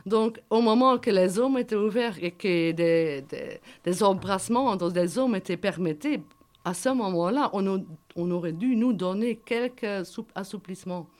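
Giving earnest testimony in French, which is not her native language, this German woman appears as a guest and a prisoner's wife. Her medium-pitched voice has a darkish tone and a measured pace, and she frequently hunts for words and says things twice.

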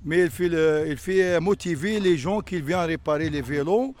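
A man with a fairly high voice answers questions casually in an interview. He hesitates and rephrases as he goes, feeling his way through each sentence. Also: moderate pace, darkish tone.

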